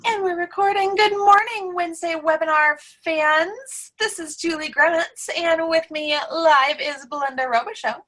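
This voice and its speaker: A woman hosting a live webinar, presenting casually with many ums and pauses. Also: very high-pitched, fairly bright tone, low-quality recording. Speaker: webinar host.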